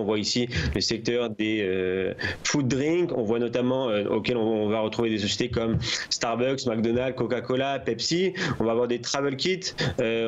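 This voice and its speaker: A man's voice: medium pitch, highs cut off. Man on a delayed satellite-style duplex line. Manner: hesitant, many fillers and restarts. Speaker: guest account manager. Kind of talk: live TV business interview.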